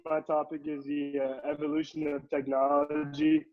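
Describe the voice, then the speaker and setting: A man on a glitchy video call that cuts in and out, giving a halting class update and checking whether he can be heard. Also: on the high side, level tone, highs cut off, soft background music. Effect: glitchy, laggy video call audio cutting in and out. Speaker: student presenting in a class session. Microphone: video call, walking around with a phone.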